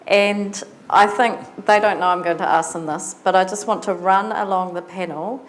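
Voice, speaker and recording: A woman's voice: fairly low pitch, slight background noise, rough recording. A woman moderating a live science panel, wrapping up and thanking the audience. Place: museum event hall with audience.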